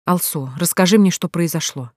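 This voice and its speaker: An audiobook narrator voicing a gentle young woman who speaks quietly and soothingly to a runaway teenager, in a dry recording. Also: mid-range voice, moderate pace, no room sound, close to an everyday voice. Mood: coaxing.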